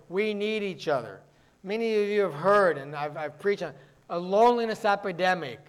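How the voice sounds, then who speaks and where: A man from the northern United States preaching a sermon as pastor, talking fast and mixing in joking asides. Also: sits high, fairly bright tone.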